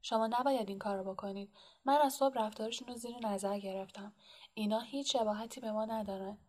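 A woman's voice: a little high, fairly even intonation, lightly acted. A woman voicing a stern, anxious older female witch professor in an audiobook, talking earnestly and pressing with questions. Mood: protesting. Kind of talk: audiobook character reading.

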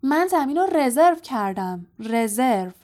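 A woman voicing an angry teenage male team captain who shouts quick, bossy orders in an audiobook. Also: high-pitched, big pitch swings. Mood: furious.

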